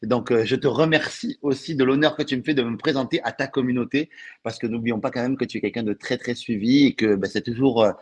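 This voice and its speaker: A man's voice: mid-range voice, quick pace, darkish tone, slightly rough. A man from France with a southern French accent from Toulouse, an interview guest who speaks effusively and often repeats himself, heard over a video call.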